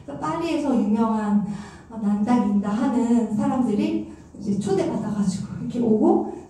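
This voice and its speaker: A woman giving a lively music lecture, telling stories and acting out what people said, with a chatty manner. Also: a little high, moderate pace. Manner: animated, acts out quoted remarks, chatty fillers. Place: large concert hall. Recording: echoey hall, voice from far off.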